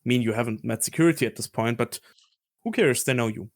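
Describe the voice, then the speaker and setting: A man's voice: mid-range voice, fast talker. A man narrating a tabletop game as game master, loose and profane. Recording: music bed underneath.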